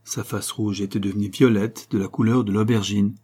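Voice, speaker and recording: A man reading a novel aloud in a steady, measured storytelling manner. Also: on the low side, husky. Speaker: audiobook narrator.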